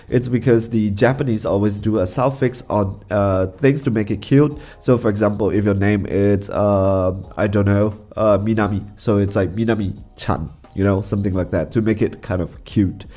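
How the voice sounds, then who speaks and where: A man's voice: on the low side, steady tone, normal speed, few pauses, warm tone. A man hosting a card game channel, talking casually with a nasal, stuffy voice from a cold that strains as he goes. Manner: chatty, restarts and stammers. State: strained voice from coughing.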